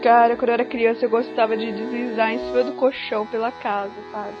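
A young woman spins lively childhood stories on a casual podcast, acting out little voices as she goes. Her voice is high. Faint music sits behind her. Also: fast talker, muffled recording. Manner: animated storyteller, acts out voices. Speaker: podcast co-host.

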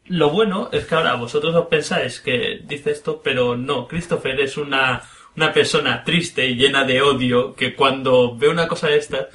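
A man's voice: mid-range voice, normal speed, fairly bright tone. A man co-hosting a casual podcast, teasing, swearing and laughing often. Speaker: podcast co-host.

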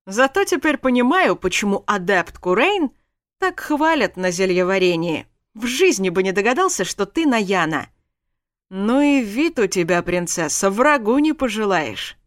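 A woman's voice: mid-range voice, expressive, normal speed, a bit bright, no echo, close to an everyday voice. Woman reading as a jokey young male mage, teasing, dry close sound, storybook figure. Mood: mocking. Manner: teasing, talkative.

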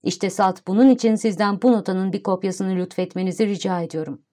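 A woman's voice: medium pitch, steady tone, fairly quick, dark tone, natural voice. A woman voicing a poor, shy young man, an amateur violinist, who speaks timidly and overly politely in an audiobook reading. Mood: pleading.

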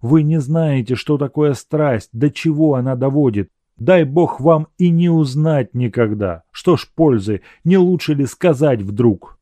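A man's voice: medium pitch, a little slow, dark tone, no room sound, pitched above the performer's own voice, lightly acted. A man voicing a desperate, lovesick young man who pleads passionately in a storybook reading. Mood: pleading.

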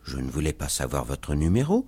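A man reading a literary tale for radio, voicing a dignified older gentleman who answers accusations in a low, offended tone. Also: wildly swooping pitch, fairly quick, husky, heavily acted. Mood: surprised. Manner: low, offended, stiffly proper.

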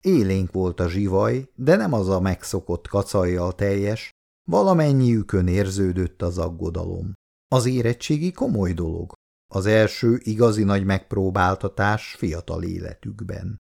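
A man reading a story aloud as narrator, in a gravelly voice. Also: deep voice, animated, a little mellow.

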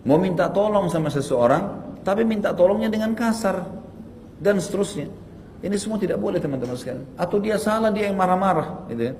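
A man teaching an Islamic study class in a lively, emphatic manner, his voice climbing high when he scolds. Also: a little fast, big-room sound, a little hiss or hum. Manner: animated, emphatic, rising pitch on rebukes. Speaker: religious teacher.

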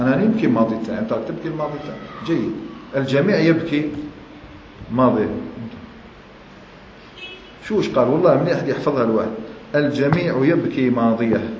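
A man with an Algerian Arabic accent preaching a sermon, who retells old sayings and then repeats and explains them in everyday dialect. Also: mid-range voice. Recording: echoey hall, muffled and lo-fi, faint hiss.

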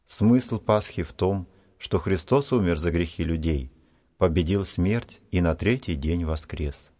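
A man's voice: low voice, a little slow, dark tone. A man voicing a proud, self-righteous schoolboy who scolds his classmates sharply. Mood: scolding.

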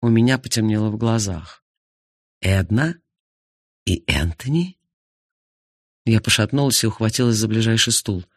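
A man's voice: on the low side, fast, no room sound, clean studio sound. A man reading first-person narration in an audiobook, expressively. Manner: expressive, animated. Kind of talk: scripted narration.

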